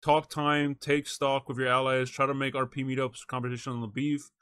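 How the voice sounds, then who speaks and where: Medium in pitch and flat in delivery, this man talks a little fast with a fairly bright, clean tone on a dry recording. He's live streaming a video reaction, reading aloud into a close mic and chatting loosely with viewers, frequently saying "bro" and "chat."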